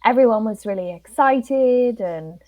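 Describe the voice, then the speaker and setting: A woman's voice: on the high side, lively intonation, a little slow, warm tone, low-quality recording. A woman from England with an English accent, teaching English by chatting and asking follow-up questions. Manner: friendly, asks follow-up questions. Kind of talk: casual conversation lesson.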